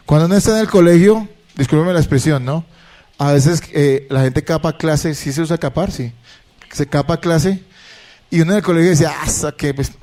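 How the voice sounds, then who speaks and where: Male pastor, sermon delivery, mellow higher-pitched voice, alternates hushed and forceful emphasis. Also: normal speed. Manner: preaching with rhetorical questions, by turns hushed and emphatic. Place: church service.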